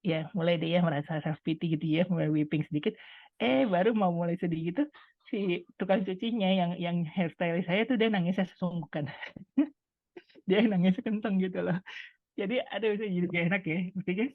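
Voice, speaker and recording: Middle-aged woman, low voice, chatty testimony talk, heard over a tinny video call line. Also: brisk, no echo. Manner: chatty and conversational, addresses listeners as friends. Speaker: speaker sharing a testimony. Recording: tinny phone-like line, dry sound.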